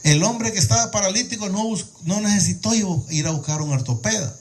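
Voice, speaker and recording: Higher-voiced male preacher. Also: animated, a little fast. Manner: reads and explains scripture with rhetorical questions; repeats and restarts words while searching. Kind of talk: sermon.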